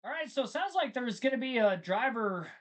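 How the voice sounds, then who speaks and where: With a very high, animated voice that's fairly quick and a bit bright, a man runs a live race stream. He fills the time between race updates by rambling chattily and talking to his chat.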